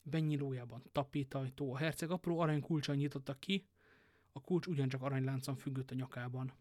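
A man's voice: medium pitch, no echo, studio quality. Man reading a novel aloud with asides. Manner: lively storyteller, joking asides. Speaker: audiobook reader.

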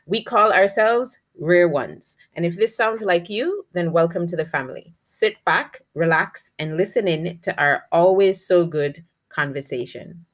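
Female podcast host, lower voice, measured and deliberate delivery. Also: lively intonation. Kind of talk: podcast intro and interview.

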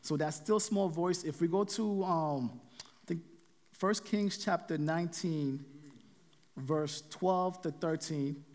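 Man preaching in an easygoing, halting way. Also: on the high side, a little mellow, in a large hall. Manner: conversational, repeats phrases, frequent fillers. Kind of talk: sermon.

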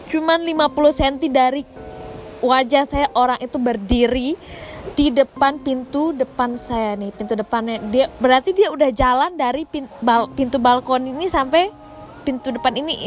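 A woman telling a true personal story in a casual, hesitant way, often restarting and repeating herself, moving between hushed tension and loud outbursts. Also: sits high, slight background noise.

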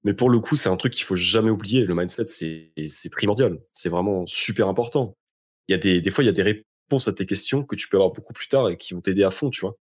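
Fast-talking young man with a very low voice. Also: husky. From France. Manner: informal, slangy, emphatic repetition. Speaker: interview guest. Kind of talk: casual conversation.

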